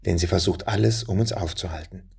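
A man voicing a brave, quick-witted young hero in a children's story, earnest and resolute. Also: deep voice, creaky, a little mellow, slightly rough, full character voice.

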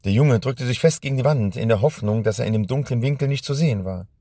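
A man narrating a storybook in a measured way, at times speaking directly to young listeners. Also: medium pitch, warm tone, no room sound, clean studio sound.

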